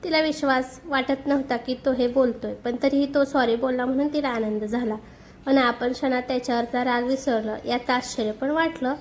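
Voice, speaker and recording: A woman narrating a romantic family story in a steady, expressive reading voice. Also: high-pitched, moderate pace, a little hiss or hum. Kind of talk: scripted narration.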